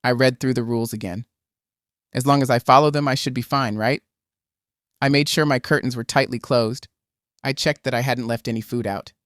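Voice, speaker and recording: A man telling a first-person horror story in steady, tense scripted narration. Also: medium pitch, normal speed, dry recording, clean studio sound.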